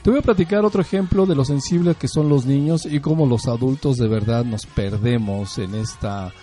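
With music playing behind him, a middle-aged man with a Mexican accent hosts a relaxed talk about parenting. His mid-range voice keeps a moderate pace as he tells stories chattily, often tossing out rhetorical questions.

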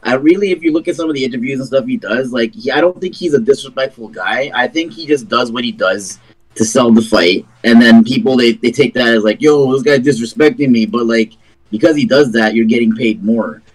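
This Toronto man, a podcast guest, spins casual stories in a loose, rambling style, now and then asking "you know what I mean." He has a mid-range voice and a brisk pace. The recording is rough.

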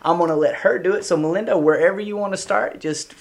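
A man's voice: high voice, quick pace, creaky. A man, a pastor hosting a casual church podcast in an upbeat, welcoming way. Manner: upbeat, welcoming host patter.

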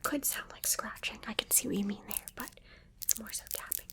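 A woman whispering a playful ASMR role-play, coaxing the listener with gentle repeated instructions. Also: medium pitch, a little fast. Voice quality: soft whisper. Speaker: ASMR creator.

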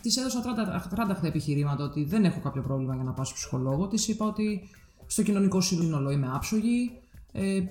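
A woman in her thirties telling a personal story in casual podcast chat, candid and animated when she quotes others. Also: fairly low pitch, echoey room. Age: 30s.

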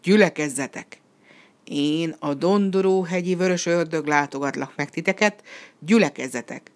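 A woman voicing a boastful, hot-tempered male red devil in a storybook reading, with a booming, swaggering delivery. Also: animated. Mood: bellowing.

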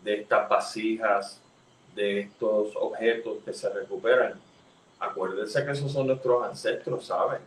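A man's voice: fairly low pitch, steady tone, measured pace. A man with a Puerto Rican accent, hosting an interview, talking in an emphatic, colloquial and joking way. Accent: Puerto Rican Spanish. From Puerto Rico. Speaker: host. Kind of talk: conversational interview. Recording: roomy, distant mic with faint noise.

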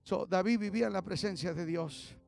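A male pastor preaching fervently, swinging between loud shouts and low murmurs. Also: fairly quick, gravelly, soft background music. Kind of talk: bilingual sermon.

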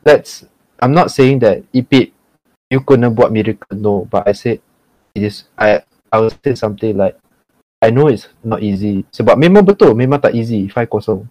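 Male, low voice, Malaysian accent. Casual podcast guest explaining things in slangy English with Malay mixed in, dry close sound. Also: animated, normal speed, darkish tone, dry recording, rough recording. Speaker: podcast guest, mental performance coach for gamers.

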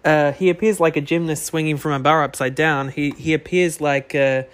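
A man's voice: fairly high pitch, fairly even intonation, moderate pace. Joking man co-hosting a film podcast. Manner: joking, swears casually. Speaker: podcast co-host. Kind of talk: casual film recap chat.

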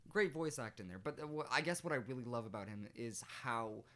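A man's voice: medium pitch, lively intonation, brisk, a bit bright. Rambling man in casual chat. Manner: rambling, playful, many fillers and restarts.

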